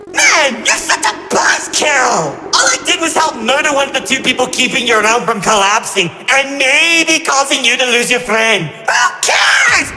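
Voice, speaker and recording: A man's voice: very high voice, sharp tone, full character voice. A man voicing a gleefully cruel trickster villain in a game, telling tales of war in a mocking, flippant, melodramatic way. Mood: irritated, flippant. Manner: mocking, flippant, melodramatic, swinging between grandeur and glee. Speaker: narrator villain. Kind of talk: theatrical storytelling narration. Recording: echoey hall reverb over music. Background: music.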